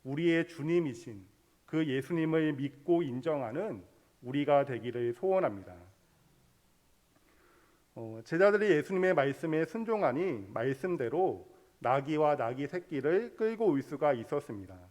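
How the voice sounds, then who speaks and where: A man's voice: on the high side, expressive, moderate pace, darkish tone. A man preaching a sermon, explaining a Bible passage step by step and leading the congregation in reading scripture aloud. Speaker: pastor.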